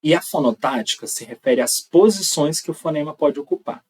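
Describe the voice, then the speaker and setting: A man's voice: fairly high pitch, lively intonation, brisk, a little mellow, slightly rough, recorded from a distance, rough recording. A man with a Brazilian accent teaching an online lecture, explaining step by step and checking in with frequent "tá?". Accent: Brazilian Portuguese.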